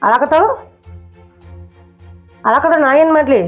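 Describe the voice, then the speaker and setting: A woman's voice: sits high, unhurried, dull audio, soft background music. A woman with a North Karnataka Kannada accent playing an angry wife who left her husband, arguing and scolding in a comedy skit. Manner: scolding, argumentative. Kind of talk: village comedy skit acting.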